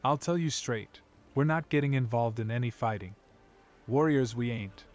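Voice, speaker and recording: A man plays a wry tiefling rogue in a video game. He talks in a colloquial, streetwise way at a middling male pitch. The sound is slightly dulled. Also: moderate pace, darkish tone, muffled recording, faint music behind, close to an everyday voice. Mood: wry, frank. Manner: colloquial, plain-spoken. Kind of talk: video game character dialogue.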